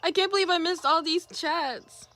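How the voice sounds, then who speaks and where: A woman's voice: extremely high pitch, normal speed, sharp tone. A young woman chatting casually on a drawing livestream, reading chat aloud and greeting viewers. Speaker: streamer.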